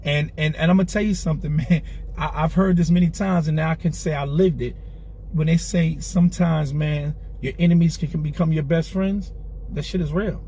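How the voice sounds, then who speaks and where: A clothing brand founder in his forties, guesting in a candid interview inside a car, comes across as earnest and streetwise and often repeats himself. His slightly high, mellow voice keeps a steady tone and brisk pace, with a little hiss or hum.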